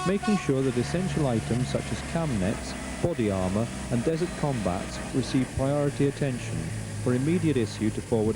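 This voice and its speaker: A male narrator reads a scripted military documentary. His mid-range voice moves animatedly through formal sentences, over a clearly noisy soundtrack. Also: mid-range voice.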